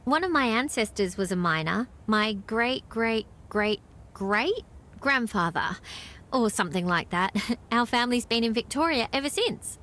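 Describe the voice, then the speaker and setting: A woman's voice: a little high, animated, unhurried, fairly bright tone. An actress with an Australian accent playing a friendly, knowledgeable small-town woman in video game dialogue, chatty and explanatory. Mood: friendly, earnest.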